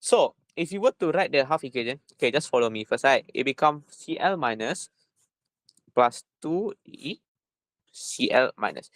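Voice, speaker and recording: Male tutor, Malaysian accent, mid-pitched voice, informal lesson style, repetitive phrasing with frequent tag questions, dry sound. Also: lively intonation, normal speed, a bit bright, no echo. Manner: repetitive, punctuating with "right?" and "lah". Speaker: chemistry tutor.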